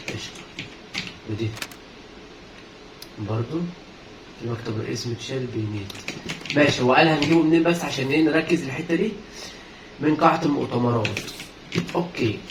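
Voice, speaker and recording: A man with an Egyptian Arabic accent commenting as he plays a horror game, swinging between low muttering and panicky shouting. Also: roomy sound, distant mic, background noise. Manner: panicky shouting bursts while playing. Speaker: gaming YouTuber. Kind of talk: let's play commentary.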